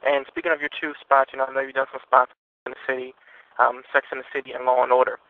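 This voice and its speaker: A man carries out an informal phone interview, staying laid-back and chiming in with frequent short acknowledgements. The telephone line is muffled and narrow, the recording dry, and his mid-range voice holds a level tone at a quick pace.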